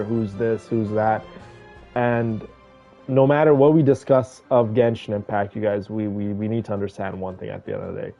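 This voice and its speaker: The streamer's voice comes through a muffled lo-fi mic, fairly low and dark in tone, with game music playing behind him. He talks casually to viewers, reacting to the game with repetitive, emphatic lines.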